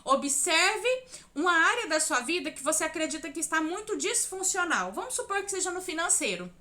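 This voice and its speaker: A Brazilian woman talks her listeners through a self-help lesson in a high, bright voice. She addresses them directly and expressively, sometimes sinking into soft, hushed asides. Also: sing-song, brisk. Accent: Brazilian Portuguese. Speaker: therapeutic speaker. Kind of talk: motivational self-help talk.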